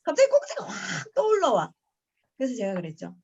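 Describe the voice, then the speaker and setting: A middle-aged woman tells a personal story to her book club in casual talk. Her fairly high voice swings widely as she acts out what people said. The video call audio sounds dull and lo-fi. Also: brisk, husky. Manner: animated, acts out quoted lines in a raised voice.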